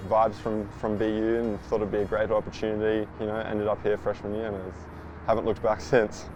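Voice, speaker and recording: A man's voice: fairly low pitch, monotone, brisk, noisy background. A young man from Brisbane with an Australian accent, a college rower giving easygoing interview answers. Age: young adult. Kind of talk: interview sound bite. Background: music.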